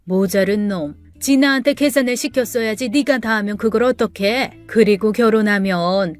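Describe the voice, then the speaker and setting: A woman's voice: medium pitch, moderate pace, close to an everyday voice. A woman voicing a scheming, scornful middle-aged future mother-in-law who scolds her son. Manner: sneering, scolding. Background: soft background music.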